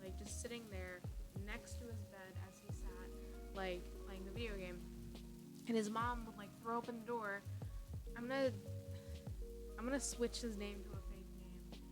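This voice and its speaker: A woman's voice: medium pitch, steady tone, moderate pace. A young woman chatting casually on a livestream from her room, giggling and trailing off into tangents with lots of fillers. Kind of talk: casual rambling storytelling. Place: at home, own room. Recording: livestream with background music. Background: music playing.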